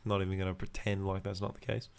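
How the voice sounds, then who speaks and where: A young man with a fairly low voice rants casually as a podcast host. He leans on laddish slang and swearing, sounds exasperated, and repeats his points to drive them home. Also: little pitch movement, fast talker, creaky, clear, resonant tone. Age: young adult.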